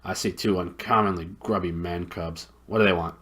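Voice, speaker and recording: A man voicing a deaf, irritable old male dwarf lord who talks gruffly and loudly. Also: low-pitched, steady tone, normal speed. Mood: cranky.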